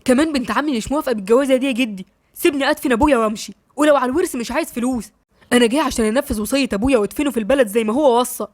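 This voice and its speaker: A woman's voice: sits high, very fast, no echo, studio quality. A woman voicing a firm, level-headed young man in Egyptian Arabic, reasoning with his family. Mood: pleading. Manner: firm, reasoning, sometimes raised.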